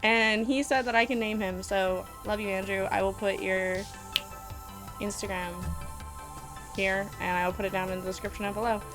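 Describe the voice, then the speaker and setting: A woman's voice: mid-range voice, fairly even intonation, normal speed. Sassy, blunt woman vlogging about makeup. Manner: sassy, blunt, sweary, self-mocking. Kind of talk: casual reaction and tutorial chat. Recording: music playing behind the voice.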